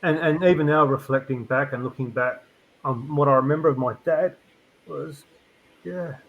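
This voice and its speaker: A middle-aged man speaks as a podcast guest, his voice pitched a little on the high side. He talks in a loose, rambling way, stopping and restarting often and filling pauses with ums. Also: narrow, tinny audio, a little hiss or hum. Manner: rambling, halting, with many fillers and restarts. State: tearful. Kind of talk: reflective conversational interview.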